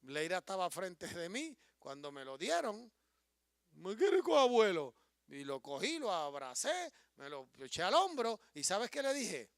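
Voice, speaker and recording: Impassioned preacher man, very high and bright voice, dry close sound. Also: very animated, normal speed, hardly any pauses, dry recording. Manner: impassioned, swings from hushed storytelling to rising declarations. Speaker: pastor. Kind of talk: sermon.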